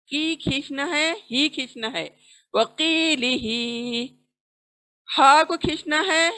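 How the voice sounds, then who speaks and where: A woman teaching Quran recitation, chanting words slowly with long drawn syllables between quick explanations. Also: high-pitched, bright, forceful tone. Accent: Indian. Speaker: tajweed teacher. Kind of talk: recitation lesson.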